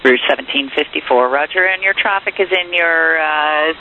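Male air traffic controller, procedural instructions, slightly high voice, thin tinny radio link. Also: normal speed. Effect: aviation radio transmission. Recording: tinny hissing radio channel.

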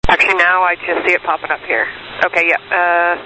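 A man's voice: sits high, level tone, a little fast, bright, forceful tone. A male airline pilot making casual radio calls. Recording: dull, hissy aircraft radio.

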